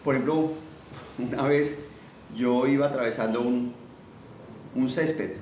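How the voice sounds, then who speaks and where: A man's voice: mid-range voice, steady tone, a little slow, darkish tone, reverberant, recorded from a distance, slight background noise, low-quality recording. A man preaching a sermon, teaching conversationally and asking his listeners questions as he goes.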